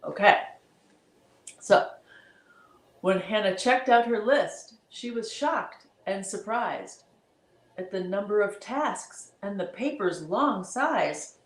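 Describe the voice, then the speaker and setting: A woman's voice: mid-range voice, lively intonation, takes it slowly, long pauses. A woman reading a rhyming picture book aloud to children, with chatty asides to the kids. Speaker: storybook reader. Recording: roomy echo.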